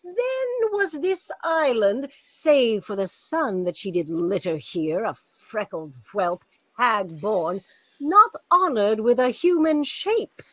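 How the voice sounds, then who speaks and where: Woman playing Prospero, imperious sorceress, high swooping voice. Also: very animated, fairly bright tone, heavily acted, rough recording. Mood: angry, scolding. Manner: theatrical, deliberate, scolding. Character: commanding, imperious sorceress master, quick to scold. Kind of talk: Shakespearean radio play acting.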